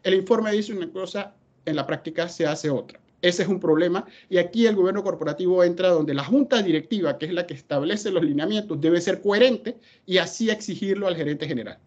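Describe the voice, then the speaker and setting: A man gives a webinar presentation, emphatic and steady. He often asks a question and answers it himself. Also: high-pitched, brisk, highs cut off. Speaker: webinar speaker. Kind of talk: presentation talk.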